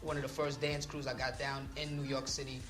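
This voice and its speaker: A mid-range man who grew up in Trinidad chats laid-back as a guest artist in an interview, speaking a little fast in a level tone and peppering his talk with "you know" and "um." The sound is roomy, with music in the background.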